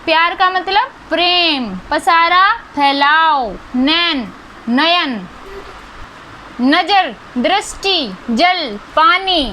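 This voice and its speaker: Young woman teacher, really high bright voice, patient, keeps checking in, bit of hiss behind. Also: animated, very slow, rough recording. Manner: patient, repeats key words with frequent "ठीक है" and "है ना". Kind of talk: explaining a school lesson.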